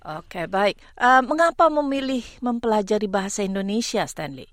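A woman hosting a radio interview conversationally, putting her questions in an unhurried way and often rephrasing them. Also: medium pitch, lively intonation, no echo, clean studio sound.

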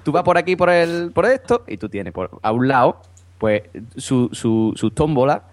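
Man, podcast co-host, animated storyteller, acts out quotes, dry close recording. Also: medium pitch, dry recording. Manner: animated, voices quotes loudly, halting restarts. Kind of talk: casual storytelling chat.

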